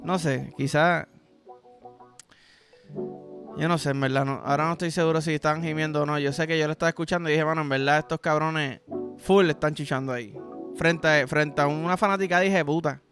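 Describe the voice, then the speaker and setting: Over music, a young man hosts a podcast in a slightly high voice with a steady tone and quick pace. His crude comedic monologue, in Puerto Rican Spanish, wanders through vulgar stories full of sound effects and constant swearing.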